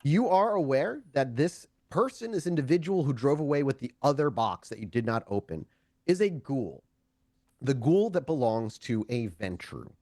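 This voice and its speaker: A man acts as storyteller for a tabletop roleplaying game, improvising in a conversational, halting manner and frequently correcting himself. His mid-range voice is sing-song with a darkish tone, recorded in studio quality with no echo.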